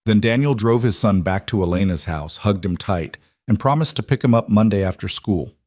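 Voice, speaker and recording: Guy reading a drama story, lowish voice, dry close sound, measured. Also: animated, a little mellow, dry recording. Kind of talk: scripted story narration.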